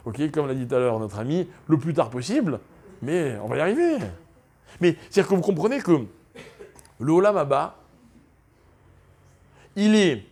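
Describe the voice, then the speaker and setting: A middle-aged man teaching a Torah class, animated, questioning his listeners and mixing Hebrew terms into his talk. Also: on the high side, slightly rough. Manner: animated, asks the audience questions, spells out Hebrew letters; mixes Hebrew terms into French. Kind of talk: lively Torah lesson to a live audience.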